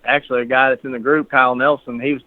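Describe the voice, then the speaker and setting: A man comes through a clipped, narrow phone line. He tells stories in a rambling, easygoing way at an ordinary pitch. The sound is dry, with no room around it. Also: level tone, fast, dry recording. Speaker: guest hunter. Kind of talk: casual chat.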